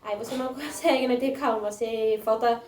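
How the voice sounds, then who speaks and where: A woman's voice: a little high, steady tone, fairly quick, a little mellow. A young woman vlogger casually telling her viewers a long personal story, rambling with many restarts and little questions. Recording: echoey room, mic a bit distant.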